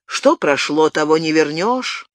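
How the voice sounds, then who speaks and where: A man's voice: fairly high pitch, expressive, measured pace, dry recording. A man playing a stern, angry townsman. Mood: stern, calmer. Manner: stern, clipped and forceful. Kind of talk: audiobook character voice.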